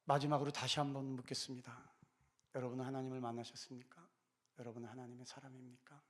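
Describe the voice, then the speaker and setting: A man's voice: mid-range voice, little pitch movement, fast talker, a bit bright. A man in his fifties giving an impassioned church talk, pleading with urgent fervor. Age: 50s. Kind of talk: impassioned exhortation.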